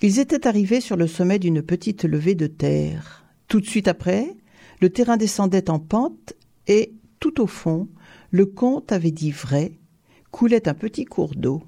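An audiobook narrator tells a tale in measured, evenly paced storytelling. The voice sits at a middle pitch, with a gravelly grain and a mellow, dark tone.

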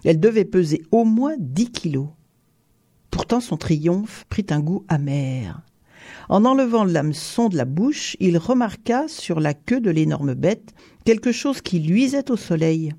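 A narrator reading a story in a measured audiobook manner. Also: medium pitch, expressive, warm tone.

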